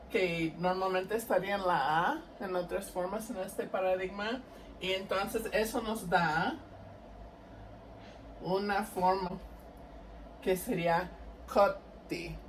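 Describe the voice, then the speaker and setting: A woman lecturing on historical linguistics, patiently explaining each step and checking in with her listeners. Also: lowish voice. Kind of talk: academic lecture. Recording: distant mic with faint noise.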